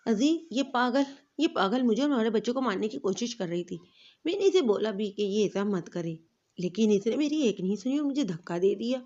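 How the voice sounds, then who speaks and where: A woman's voice: a little high, lively intonation, muffled recording. A woman voicing a cruel gloating young wife. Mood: angry. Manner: taunting, scornful, shouting.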